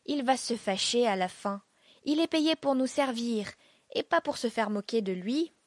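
A young woman partygoer read by a woman narrator chides the crowd softly and slowly. The sound is close and dry. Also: a little high, expressive, no room sound, natural voice. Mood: chiding.

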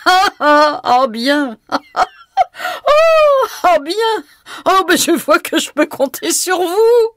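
A woman's voice: on the low side, big pitch swings, slow pace, dry recording, clean studio sound, heavily acted. A woman doing a teasing young widow. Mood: laughing. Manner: playful, provoking, breaks into giggles. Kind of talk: audiobook reading.

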